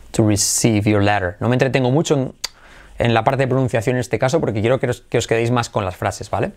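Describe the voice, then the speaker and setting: A man with a Spanish accent from Spain teaching English, drilling phrases slowly and switching to quick explanations. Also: medium pitch, a little mellow. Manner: repeats phrases slowly for learners to copy. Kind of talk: bilingual English lesson.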